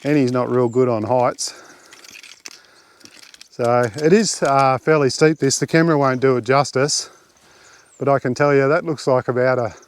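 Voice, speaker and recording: Australian man, relaxed rambling commentary, outdoors on a bush trail, handheld camera mic, animal sounds behind. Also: medium pitch, moderate pace, pauses often, smooth. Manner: relaxed, rambling, many fillers. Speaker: camping vlogger. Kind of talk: casual walking commentary. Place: outdoors on a bush hiking track.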